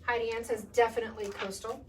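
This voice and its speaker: A chatty woman hosts a live furniture painting demo, reading viewer comments aloud as she works. Her voice sits a little high and comes from a distance. There is some room noise behind her in the paint room. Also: level tone, quick pace. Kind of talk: casual live demo chat. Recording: distant mic with background noise.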